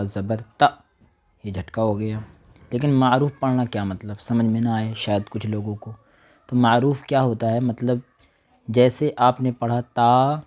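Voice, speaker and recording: A man teaching a recorded Quran reading lesson, sounding out each letter and vowel slowly and checking with his listeners as he goes. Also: mid-range voice, warm tone. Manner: slow, careful demonstration of each sound, often asks "theek?".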